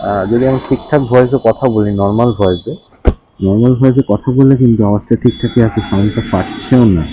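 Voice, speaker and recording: A man with a deep voice talking softly at normal volume while riding a motorbike, recorded through a helmet mic. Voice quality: deep bass-heavy voice. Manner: speaks softly at normal volume, never shouts. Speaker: moto vlogger. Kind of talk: casual vlog talk while riding. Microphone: helmet-mounted mic inside ear pad. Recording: muffled helmet mic with faint road noise.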